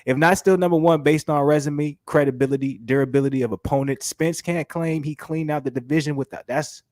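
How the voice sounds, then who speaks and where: Sick with a stuffy nose, a man hosts a casual boxing talk show, speaking in slangy, animated bursts and constantly saying "you know what I'm saying." His voice is a little high and fairly quick, on a dry recording.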